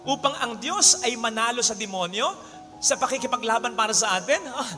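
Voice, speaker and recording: A priest, a man with a very high, bright and sharp voice, preaching with big swings between loud cries and near-whispers. His voice rings out in a long church reverb, with faint music under it. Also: brisk. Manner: animated, swings between loud exclamations and hushed lines, mixes English into Tagalog. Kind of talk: sermon with storytelling.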